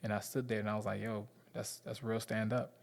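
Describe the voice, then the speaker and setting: A man's voice: on the low side, flat delivery, a little fast, creaky. A man in his thirties with a Southern US accent, talking candidly and rambling to his viewers in slangy casual speech. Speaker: vlogger.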